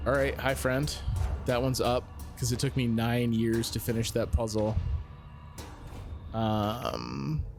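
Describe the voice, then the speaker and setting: A man's voice: medium pitch, flat delivery, slow pace, vocal fry, pauses often, a little mellow. Man musing through a game over music. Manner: musing, self-questioning. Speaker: video game streamer. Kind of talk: casual gameplay commentary, thinking aloud.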